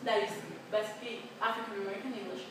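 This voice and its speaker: This student presenter talks very fast in a mid-range voice with fairly even intonation, her chatty class presentation full of fillers and restarts. She's a woman in her twenties from Colombia, a native Spanish speaker with a Colombian accent, heard from a distance in a noisy, echoey room.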